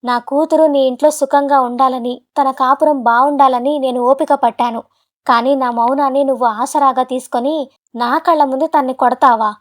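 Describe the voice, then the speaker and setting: A woman's voice: high voice, fairly even intonation, a little fast, a little mellow, close to an everyday voice. A woman voicing an elderly father who speaks with grave, firm force, protective of his daughter, in a storybook drama. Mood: stern angry.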